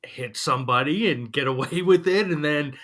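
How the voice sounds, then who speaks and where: A man's voice: fairly high pitch, a bit bright. A man hosting a podcast interview, talking casually with frequent restarts and fillers. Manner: halting, many restarts and fillers. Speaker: podcast host.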